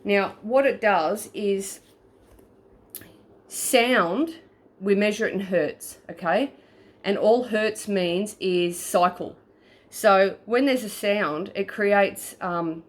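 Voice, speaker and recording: A woman, a paranormal investigator, explaining a gadget step by step in a casual video recorded on her phone, often checking in with "okay?". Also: mid-range voice. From Australia. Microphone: phone, front camera.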